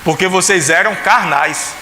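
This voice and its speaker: Man, Pernambuco Brazilian accent, high bright voice, conversational sermon, echoey church hall, faint hiss. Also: a little slow. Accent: Pernambuco Brazilian Portuguese. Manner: conversational preaching, acts out quoted voices, rhetorical questions. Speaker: pastor. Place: church sanctuary.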